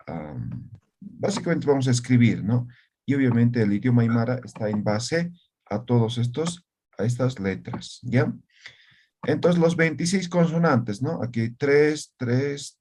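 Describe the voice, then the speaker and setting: Slow, patient male language teacher. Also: medium pitch, darkish tone. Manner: demonstrates sounds by repeating syllables. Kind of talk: online language lesson.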